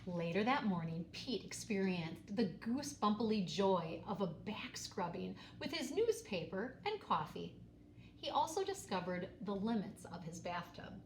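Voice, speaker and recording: With no rush, a woman narrates a picture book for children, bringing strong pitch variation and dramatic weight to important words. The recording is roomy and echoey, with a little noise in the background.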